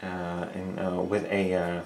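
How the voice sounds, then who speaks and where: A man in his thirties speaks in a low, completely flat, unhurried voice with vocal fry and a slightly mellow tone. As a painting tutorial host whose first languages are Dutch and Frisian, he talks in hesitant, Dutch-accented English, full of fillers and word-searching, during a casual vlog. It's recorded in an echoey small home studio with slight background noise.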